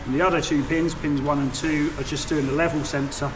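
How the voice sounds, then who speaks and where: A man's voice: fairly high pitch, fairly even intonation, brisk. A man giving an informal, step-by-step hands-on tutorial as a mechanic in a workshop. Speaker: mechanic presenter. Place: vehicle workshop. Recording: noisy workshop background.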